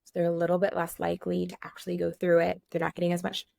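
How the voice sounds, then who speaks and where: Low, gravelly woman explaining course math. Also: monotone, a little mellow, dry recording, studio quality. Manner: friendly, practical, quick asides. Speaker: course co-host. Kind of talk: casual course walkthrough.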